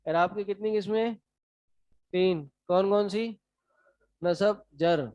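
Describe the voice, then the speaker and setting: A man with a Pakistani Urdu accent teaching a lesson, quizzing his students in a brisk, encouraging way. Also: high voice, darkish tone, smooth, no room sound. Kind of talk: classroom lecture. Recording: dry, slightly dull sound.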